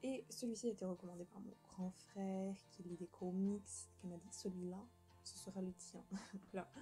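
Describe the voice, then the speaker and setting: A woman's voice: mid-range voice, fairly even intonation, moderate pace, dark tone, faint music behind, low-quality recording. A young woman chatting casually about books she plans to read, rambling and joking at herself, with many fillers and restarts. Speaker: book vlogger. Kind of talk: casual chat.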